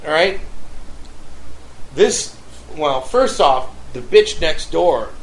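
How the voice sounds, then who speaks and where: A man casually telling a long, profane story and ranting loudly as he acts out shouting matches. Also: on the high side, expressive, very slow, poor audio.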